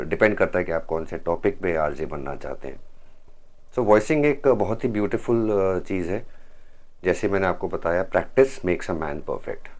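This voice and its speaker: Deep-voiced man coaching voice-overs. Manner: mixes English phrases into Hindi, demonstrates lines with emphasis. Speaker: voice-over coach. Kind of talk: instructional vlog talk.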